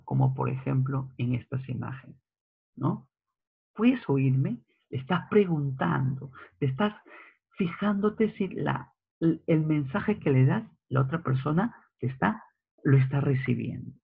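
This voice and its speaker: A male teacher giving a slide lecture, slowly repeating key phrases and asking rhetorical checks. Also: on the high side, creaky, breathy edge. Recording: tinny phone-like audio.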